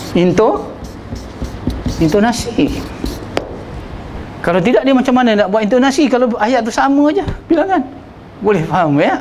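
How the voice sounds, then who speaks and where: A man's voice: high voice, a little mellow, a little hiss or hum, rough recording. A man with a Malaysian Malay accent giving a workshop lecture as a religious teacher, conversational, acting out examples and often checking in with "ya". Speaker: religious teacher leading a sermon-writing workshop.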